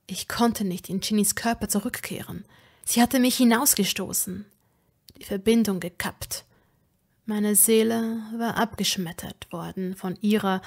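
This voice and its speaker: A woman narrating a fanfiction audiobook in the first person, with dramatic delivery that often drops to a breathy whisper. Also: a little high, darkish tone.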